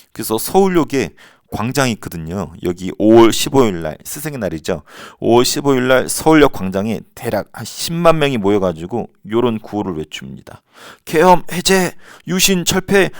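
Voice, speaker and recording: A man in his forties teaching a high school history lesson, casual and joking, now and then shouting out slogans. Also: no echo, clean studio sound. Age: 40s. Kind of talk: lecture for high school students.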